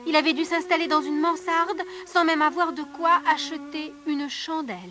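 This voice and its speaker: High-voiced woman telling a fairy tale. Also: moderate pace, over music. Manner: expressive, hushed then rising for drama. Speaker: storyteller. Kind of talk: storybook narration.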